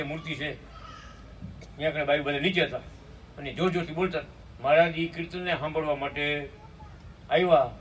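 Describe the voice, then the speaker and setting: A man giving a devotional storytelling sermon, slipping into slow chanted hymn lines and asking his listeners questions. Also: a little high, fairly bright tone. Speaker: spiritual speaker at a satsang. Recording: distant mic with faint room noise.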